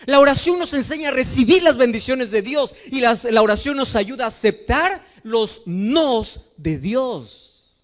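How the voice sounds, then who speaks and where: A man preaching a sermon as pastor, animated, acting out the voices in his stories. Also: very high-pitched, unhurried. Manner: animated preaching, acts out dialogues in story.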